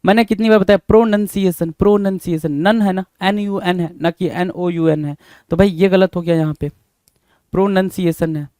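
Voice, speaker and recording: A man's voice: high-pitched, fairly even intonation, darkish tone, no echo. A young man, teaching a spelling lesson and spelling words out letter by letter. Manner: repetitive, drawn-out and emphatic, often calls listeners bhai.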